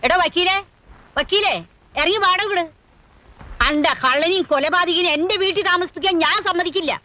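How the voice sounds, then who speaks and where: A woman's voice: very high-pitched, normal speed, sharp tone. A woman playing a bold, proud old grandmother in her sixties or older who scolds and commands. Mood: scolding.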